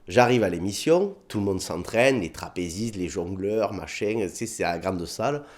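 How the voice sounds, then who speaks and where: In a relaxed interview, a man with a southern French accent, who is a comedian, spins lively stories, performing snippets of dialogue and filling his speech with fillers. His voice sits low, and his speed is normal.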